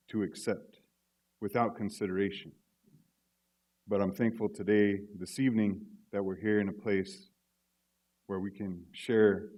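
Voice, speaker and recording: A man with a deep, warm voice speaking on a library panel stage. He is measured and reflective, with plenty of pauses. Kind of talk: panel discussion remarks.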